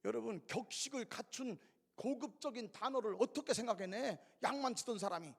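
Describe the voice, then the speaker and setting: A male pastor preaching an expository sermon, acting out quoted voices, swinging between shouts and whispers. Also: very high-pitched, brisk, creaky. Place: church sanctuary. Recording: reverberant church sanctuary.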